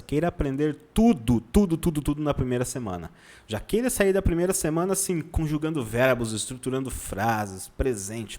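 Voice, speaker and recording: Ironic teacher, lively pitch. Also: male voice. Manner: ironic, mock-serious advice with frequent "tá?" check-ins; writes on a board while talking, slowing to spell out points. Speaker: German language teacher. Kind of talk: sarcastic online lesson.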